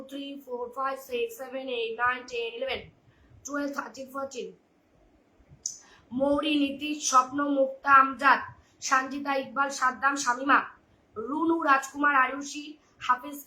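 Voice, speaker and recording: A woman hosting a live stream, rapidly urging viewers over and over and reading out their names. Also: high-pitched, sharp tone. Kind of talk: live stream audience chat. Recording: echoey room with faint noise.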